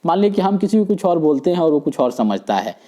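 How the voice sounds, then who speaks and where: Mellow-voiced male communication teacher. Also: a little high, sing-song, quick pace, rough recording. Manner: explanatory, repeats points with everyday examples, mixes English terms into Hindi. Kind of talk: recorded lecture on communication skills.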